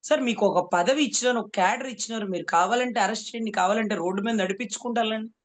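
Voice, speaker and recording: Talking fast at a medium pitch, a Telugu-accented woman advocate gives fiery political commentary. She speaks rhetorically and keeps addressing her interviewer as "sir."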